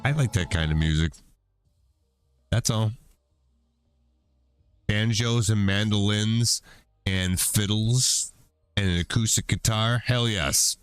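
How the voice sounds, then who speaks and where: Low-voiced man rambling while gaming. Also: takes it slowly, long pauses, smooth, no echo, faint music behind. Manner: rambling, profane, offhand. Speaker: game streamer. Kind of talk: casual chat while gaming.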